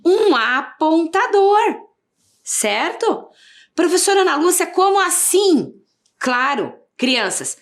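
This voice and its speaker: A woman's voice: fairly high pitch, fairly bright tone. A Brazilian woman teaching a video reading lesson to young children, stretching out syllables and asking sing-song questions. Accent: Brazilian Portuguese. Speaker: primary school teacher.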